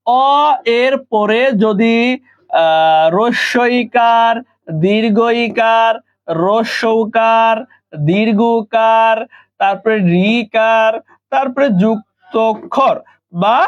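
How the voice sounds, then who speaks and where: A man from Bangladesh teaching an online class, patiently repeating each point and quizzing his students. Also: high-pitched. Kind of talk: online live class lesson. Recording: dull lo-fi recording.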